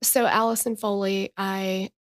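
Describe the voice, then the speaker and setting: A woman's voice: medium pitch, flat delivery, measured pace. A woman in her thirties co-hosting a casual true-crime podcast, chatting and reading case notes with asides. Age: 30s. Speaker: podcast co-host.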